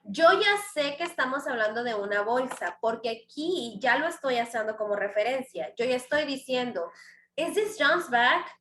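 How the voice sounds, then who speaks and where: A woman teaches a grammar lesson in a bright, fairly high voice. She walks through each example patiently and answers her own questions. The room echoes around her. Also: animated, normal speed, few pauses. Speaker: English teacher. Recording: echoey room, faint background noise.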